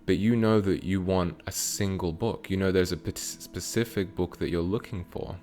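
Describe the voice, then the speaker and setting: A man giving a channeled spiritual teaching with guided meditation, speaking slowly in short, measured phrases. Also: low-pitched, steady tone, a little mellow.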